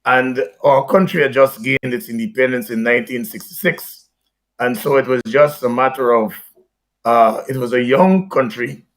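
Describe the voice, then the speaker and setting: A man's voice: mid-range voice, rough recording. Formal older Guyanese man. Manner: formal, measured and articulate. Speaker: guest, retired army officer. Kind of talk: remote interview answers.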